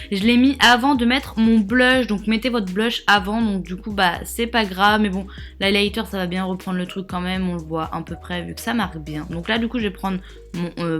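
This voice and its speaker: A woman's voice: mid-range voice, fairly bright tone. A young woman casually narrating a makeup tutorial, rambling with lots of fillers and joking asides. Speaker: beauty vlogger.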